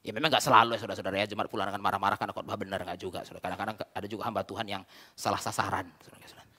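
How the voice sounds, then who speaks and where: A man's voice: fairly low pitch, steady tone, rapid-fire, sharp tone, breathy edge. A man pastor preaching a sermon in a church, full of rhetorical questions and repeated direct address to the congregation. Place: church sanctuary. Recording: reverberant church hall.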